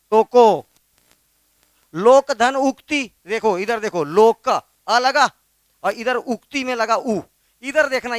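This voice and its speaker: A man's voice: high-pitched, dry recording. A male teacher with a Chhattisgarhi Hindi accent giving a classroom grammar lesson, drilling students by asking and repeating the answers. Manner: repetitive, drills students with questions.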